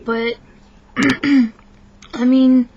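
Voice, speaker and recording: A woman's voice: high voice, little pitch movement, extremely slow, darkish tone, slight background noise. Hesitant young woman venting on a lo-fi webcam. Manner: hesitant, restarts often, candid and frustrated. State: tired from little sleep. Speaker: vlogger. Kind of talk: casual rant to camera. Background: faint film soundtrack music.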